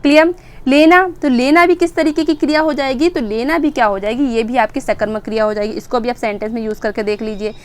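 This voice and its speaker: A woman's voice: on the high side, fairly even intonation, quick pace. A woman teaching an exam-prep grammar lesson, asking questions and answering them herself and repeating key words.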